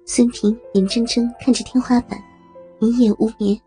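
A woman narrating an audio story with a steady, measured reading. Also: a little high. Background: faint music.

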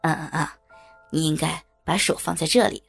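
A furtive, scheming middle-aged father, put on by a woman narrator, speaking in a dropped, gravelly register. He coaxes in a low murmur and slips into breathy whispers. Soft music plays faintly underneath. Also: steady tone, normal speed. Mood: coaxing. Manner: low coaxing murmur, inner thoughts whispered.

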